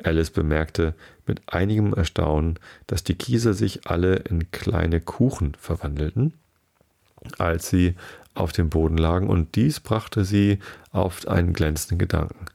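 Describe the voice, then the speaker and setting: A man reading a children's story aloud as narrator, in a slow, careful storytelling way. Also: low voice, gravelly, dark tone.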